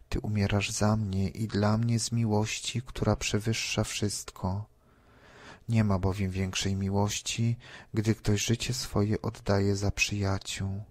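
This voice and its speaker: Man, reverent prayer reading, low, monotone, unhurried. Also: no echo. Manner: measured, reverent. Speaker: devotional reader. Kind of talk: solemn scripture and prayer reading. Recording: dry close voice.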